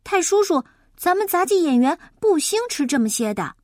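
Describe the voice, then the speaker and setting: Eager, polite boy of ten, voiced by a woman storyteller, high and lively, close and dry. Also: moderate pace, no room sound. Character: earnest hardworking boy of about ten.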